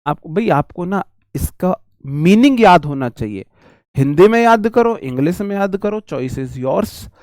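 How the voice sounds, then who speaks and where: A man's voice: sits high, big pitch swings, unhurried, a little mellow, no echo, clean studio sound. A man from India teaching English idioms in a casual, chatty lesson, calling students brother and repeating himself. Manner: chatty, addresses students as bhai and ji, repeats phrases. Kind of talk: casual Hindi vocabulary lesson.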